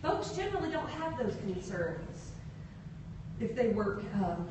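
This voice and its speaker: At a literary event, a woman stands at a podium in an indoor hall and gives a dramatic, in-character reading of a short story before an audience. Her mid-range voice is expressive and unhurried. Captured by a distant camera, the audio is noisy and echoey.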